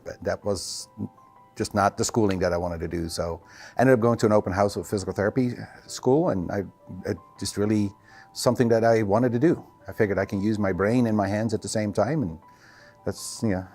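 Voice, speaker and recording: A middle-aged Dutchman, a native Dutch speaker with a Dutch accent, casually answers interview questions about his work as a physical therapist and clinic owner. His voice is lowish and a little mellow, he talks slightly fast, and soft music plays in the background.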